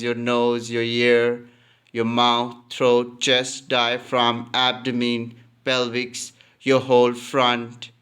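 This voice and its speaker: Guiding listeners through relaxation, this male yoga nidra instructor keeps his pitch nearly flat and his tone resonant and smooth. His calm directions come at a slow, unhurried pace, with a phrase recurring often.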